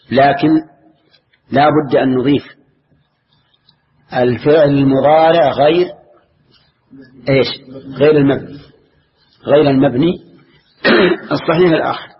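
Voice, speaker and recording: An older man teaches grammar at a steady middle pitch, repeating each key phrase and pausing to quiz his students. The recording is dull and lo-fi, like an old lecture tape. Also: a little hiss or hum. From Saudi Arabia. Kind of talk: grammar lesson.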